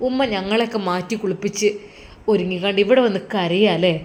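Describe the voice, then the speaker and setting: This is a lively, coaxing young wife with a Malappuram Malayalam accent, played by a woman storyteller. She talks brightly and urges the others along. Her pitch stays at a woman's ordinary middle. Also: a little fast, lightly acted.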